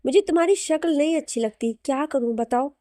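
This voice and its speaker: A woman's voice: high voice, a little fast, mellow, dry recording, studio quality, voice pushed up, lightly acted. A woman voicing an arrogant, angry young husband who talks curtly and bossily. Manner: curt, irritable, bossy.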